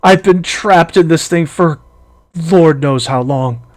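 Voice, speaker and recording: A man voicing a spirit trapped in a gemstone, pleading slowly for help in a tabletop game. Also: fairly high pitch, pitched above the performer's own voice.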